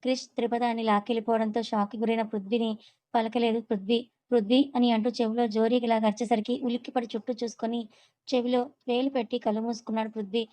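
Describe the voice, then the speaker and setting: A woman storyteller reads a serialized tale in a conversational, even way. Her voice sits a little high and barely moves in pitch. The recording is dry and close. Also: fast talker, no room sound, low-quality recording. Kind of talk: storybook narration.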